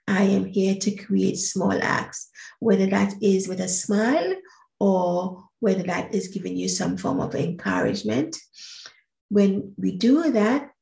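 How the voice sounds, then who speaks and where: A woman's voice: medium pitch, gravelly, dark tone, roomy sound. A woman hosting her own podcast as a life coach, speaking in an earnest, encouraging way and repeating her phrases. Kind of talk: solo podcast monologue.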